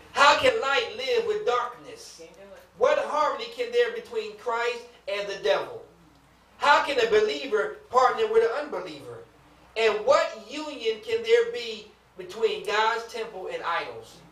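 A man with a high voice preaches a sermon, driving his points home with rhetorical questions and loose, humorous asides. He sounds set back from the microphone in an echoing church sanctuary, with a faint murmur of room ambience behind him. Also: pushed and bright. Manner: casual conversational asides to the congregation. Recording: echoey room, mic at a distance.

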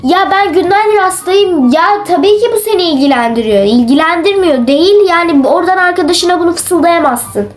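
Woman doing a high-voiced moaning teacher, fake-sick, nagging the class. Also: animated, brisk, few pauses, soft background music. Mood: whiny scolding. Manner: whiny, complaining, scolding pupils. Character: lazy grumbling woman teacher pretending to be sick. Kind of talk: comic role-play.

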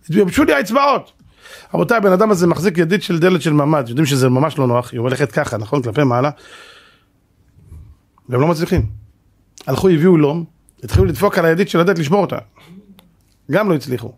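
A man's voice: on the high side, long pauses, a little mellow. A man, a rabbi, giving a sermon-style Torah lecture before a live audience, telling a story dramatically and asking the listeners rhetorical questions.

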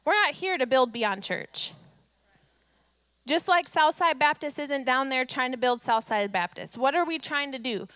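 A woman's voice: high-pitched, animated, measured pace, a bit bright, no echo. A woman in her thirties preaching a sermon on a church stage into a handheld mic, urging her listeners with rhetorical questions. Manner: exhortative, rhetorical questions, acts out quotes.

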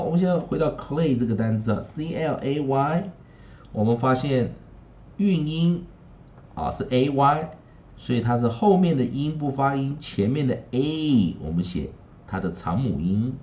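A man teaching English phonics in Taiwanese-accented Mandarin, with chatty asides and drilling each word slowly three times. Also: medium pitch, mellow, slight background noise. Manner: chatty asides with tag particles. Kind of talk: recorded phonics lesson. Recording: slightly dull lo-fi recording.

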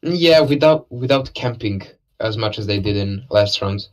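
A man's voice: lowish voice, expressive, moderate pace, low-quality recording. A man casually commentating a live esports match, laid-back and joking, with lots of fillers.

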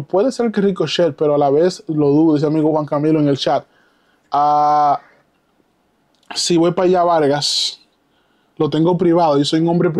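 An excitable man talking on a live stream from his home, his voice sitting a little on the high side. He comments eagerly, answers chat messages, and drops English exclamations into his speech. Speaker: live streamer reacting to wrestling. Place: home, downstairs at night.

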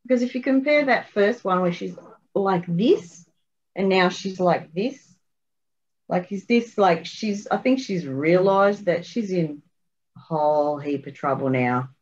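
Musing low-voiced woman on a video call. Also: animated, a little slow, lo-fi sound. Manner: musing, tentative, trailing off. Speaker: body language panelist. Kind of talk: casual analysis on a video call.

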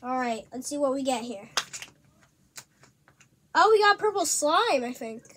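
A young vlogger chatting casually to viewers while unboxing toys, easily distracted and slightly hoarse. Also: high voice, big pitch swings, measured pace, fairly bright tone, a little hiss or hum.

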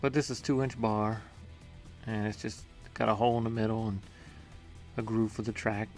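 Male maker, low-pitched gravelly voice, relaxed matter-of-fact voice-over of a metal and wood build, faint music underneath. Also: normal speed. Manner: plain, matter-of-fact explaining with small hesitations. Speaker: home workshop maker. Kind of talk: casual voice-over narration of a build.

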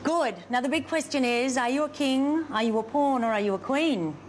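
Woman TV host, middle-aged, playful and teasing, higher pitch, lapel mic in studio. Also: moderate pace, slight background noise. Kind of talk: live TV hosting. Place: studio set, indoors.

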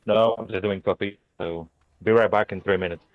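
A man's voice: on the low side, fairly even intonation, brisk, dry recording. A man chatting casually with fellow players over a voice chat line that breaks up with static. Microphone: wireless headset. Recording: dull lo-fi voice chat audio.

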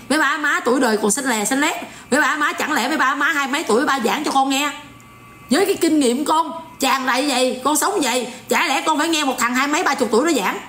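A high, bright-voiced woman in her forties with a Southern Vietnamese accent rants in mocking, scolding commentary. Her sharp tone bounces around an echoey room. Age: 40s. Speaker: online commentator. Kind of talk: ranting livestream commentary.

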